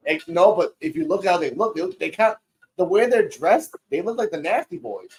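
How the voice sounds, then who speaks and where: A man's voice: sits high, lively intonation, brisk, darkish tone, husky, low-quality recording. A man in his forties casually recapping a wrestling show, loose and profane, rambling through the matches. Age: 40s. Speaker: podcast co-host. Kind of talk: casual wrestling review chat.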